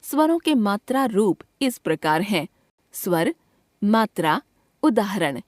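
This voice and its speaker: A woman of middle pitch reads a textbook lesson aloud, slowly and deliberately. She spells out each letter and example one by one. The sound is dry and close, with no room around it. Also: sing-song, no room sound. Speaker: teacher.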